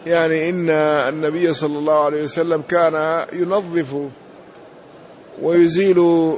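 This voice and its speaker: A man's voice: a little high, level tone, unhurried, a little mellow, lo-fi sound, slight background noise. A man teaching, explaining each phrase of a text that was just read and confirming with short affirmations. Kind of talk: explanatory lecture.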